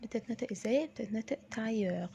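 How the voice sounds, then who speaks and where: A woman with an Egyptian Arabic accent teaching French pronunciation, saying words slowly, repeating them and often dropping to a whisper. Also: a little high, vocal fry, dark tone, a little hiss or hum. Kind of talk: pronunciation lesson.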